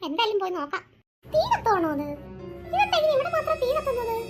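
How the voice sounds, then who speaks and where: A woman's voice: very high-pitched, big pitch swings, quick pace, faint music behind. A woman voicing a young girl alone at night in a cartoon, frightened and muttering to herself. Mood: musing. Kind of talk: cartoon voice acting.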